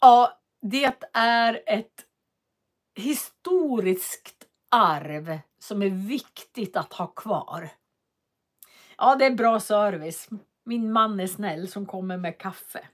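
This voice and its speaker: Lady chatting on her livestream, lots of ums, reads the chat out. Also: mid-range voice. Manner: chatty, reads out viewer comments, frequent hesitations. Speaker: livestream host. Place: cold home office.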